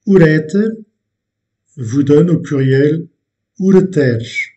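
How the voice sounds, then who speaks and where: A man teaching a language lesson, explaining step by step in a deliberate way with frequent hesitations and repeated words. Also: fairly high pitch, mellow, muffled recording.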